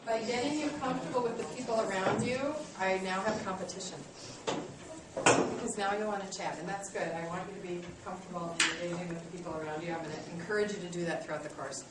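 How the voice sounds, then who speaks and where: A college instructor in her late thirties gives a classroom lecture at a quick pace, her medium-pitched voice fairly even. She's friendly and self-deprecating, with many ums, recorded from far off in an echoey classroom with heavy background noise.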